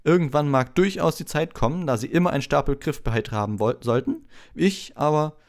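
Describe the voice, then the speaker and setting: Man voicing a pompous wizard teacher, booming, condescending, vain, raised pitch. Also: lively intonation, a little fast, darkish tone. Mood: patronizing. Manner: booming, condescending, self-satisfied. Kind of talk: audiobook reading.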